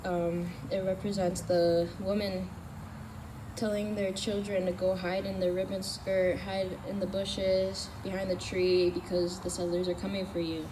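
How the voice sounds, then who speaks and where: A woman's voice: mid-range voice, flat delivery, unhurried. A woman earnestly telling the story behind a song at an outdoor event, with some fillers. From Canada. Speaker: singer explaining a song. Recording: loud traffic noise outdoors.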